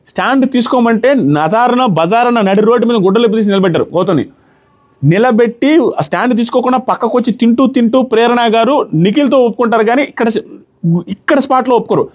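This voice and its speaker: Male reviewer, high voice, rapid-fire argumentative take on a reality show. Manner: argumentative, rapid, mixes in English words. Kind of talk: opinionated show commentary to camera.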